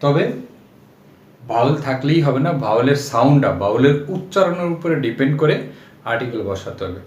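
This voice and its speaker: A man's voice: mid-range voice, lively intonation, fairly quick, dull audio. A man with a Bangladeshi Bengali accent sums up an English grammar lesson, speaking to his students as friends. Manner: warm, addresses students as friends. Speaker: English teacher. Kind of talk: lesson recap and sign-off. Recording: roomy echo, faint noise.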